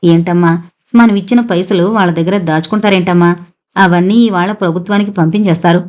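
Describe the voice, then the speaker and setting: Woman reading as a hurried practical father. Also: fairly low pitch, steady tone, a little mellow, lightly acted. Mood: matter-of-fact. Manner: hurrying, matter-of-fact. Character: busy middle-aged father, hurried and practical.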